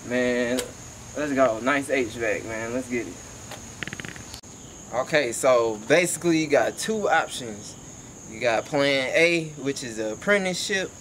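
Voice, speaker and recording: This young Georgia man, an HVAC technician with a vlog, speaks casually and emphatically in slang while recording a motivational clip outside a house. His voice is a little high and a bit bright. The recording is low quality and carries a little hiss or hum.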